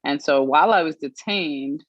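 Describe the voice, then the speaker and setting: A woman from Australia giving an earnest personal account as an interview guest, pausing often with fillers. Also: deep voice, dry recording. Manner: earnest, measured, with frequent pauses and fillers. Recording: dry, slightly muffled stream audio.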